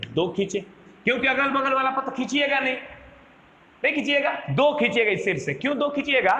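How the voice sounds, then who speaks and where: A man with a Bihari Hindi accent teaches a maths class in a chatty style, repeating his points and asking students questions. His voice is very high and bright. The echoey room carries a faint hiss of background noise. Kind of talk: classroom lecture.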